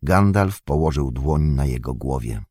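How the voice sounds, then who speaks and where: A man narrating an audiobook in a calm, even storytelling voice. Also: a bass voice, a little slow, breathy edge, no room sound, clean studio sound. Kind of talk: audiobook reading.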